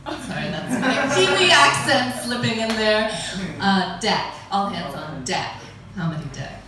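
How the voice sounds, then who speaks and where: With big pitch swings in a mid-range voice, the stand-up comic takes her time, chatty and wry and laughing at her own jokes. She's a middle-aged woman from the United States. Her voice comes from a distance in an echoey room with background noise.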